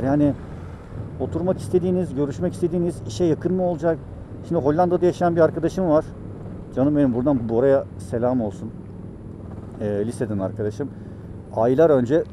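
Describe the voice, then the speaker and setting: Man chatting inside a motorcycle helmet, higher-pitched voice. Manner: rambling, conversational, addresses viewers directly. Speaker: motovlogger. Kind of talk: casual vlog chat while riding a motorcycle. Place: outdoors on a motorcycle in city traffic, inside a helmet. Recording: loud traffic and engine noise.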